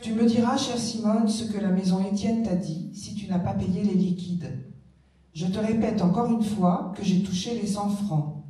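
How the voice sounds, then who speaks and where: A reader with a very dark, mellow tone reads letters aloud steadily. The voice comes from far off in a heavily echoing room. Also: medium pitch, normal speed. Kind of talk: public reading of letters.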